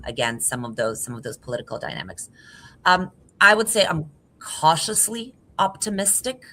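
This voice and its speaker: Deep-voiced woman speaking on a panel. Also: a bit bright, a little hiss or hum. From Croatia. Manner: measured, deliberate, with frequent fillers. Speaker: business association executive. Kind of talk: panel discussion.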